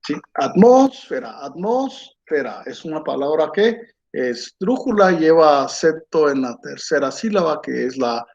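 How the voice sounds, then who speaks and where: A man teaching an online lecture, slow and patient, checking in with his students after nearly every phrase. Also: a little high, creaky. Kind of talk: online lecture while drawing on a board. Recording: dull lo-fi sound.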